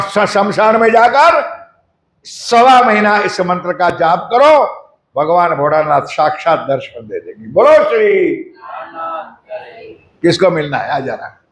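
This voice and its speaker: High-voiced preacher in an echoey hall. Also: male voice, fairly bright tone. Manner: addresses the audience directly with questions; chants mantras slowly. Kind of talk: devotional sermon. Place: ashram hall.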